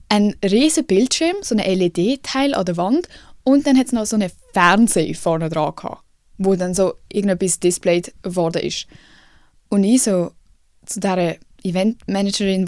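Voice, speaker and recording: A young woman with a Swiss German accent, hosting a podcast and telling a story in a casual, lively way, swearing easily and dropping in English phrases. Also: mid-range voice, no echo, studio quality. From Switzerland. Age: young adult. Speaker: podcast host.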